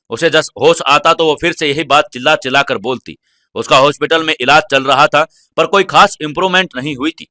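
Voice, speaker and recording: A man narrating a serialized audio story in a steady storytelling manner. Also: on the high side, dry recording, clean studio sound.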